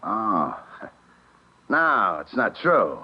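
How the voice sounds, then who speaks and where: Cocky American hoodlum, swooping and slangy. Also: male voice, on the low side, sing-song, extremely slow, slightly rough, full character voice. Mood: defensive. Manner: slangy, defensive, insolent. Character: cocky, evasive male hoodlum under police questioning. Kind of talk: 1950s radio crime drama acting. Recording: muffled vintage radio recording.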